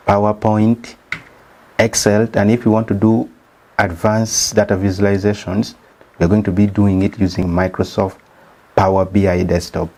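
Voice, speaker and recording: On his own channel, a man from Uganda walks through a slideshow lesson step by step in a voice on the low side and a little mellow. He's a statistician whose first language isn't English, speaking with a Ugandan English accent and a methodical manner.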